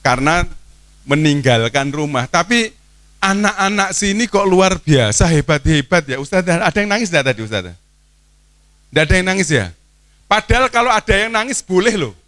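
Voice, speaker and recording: A man's voice: sits high, sharp tone, no echo. A man teacher, giving a playful, coaxing speech to children at a boarding school opening and asking them questions. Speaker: teacher addressing students.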